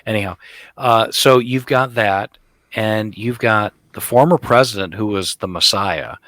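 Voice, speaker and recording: A man's voice: lowish voice, measured pace, fairly bright tone, no echo. A middle-aged man co-hosting a casual political chat podcast, talking emphatically and mockingly, often repeating himself. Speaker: podcast co-host.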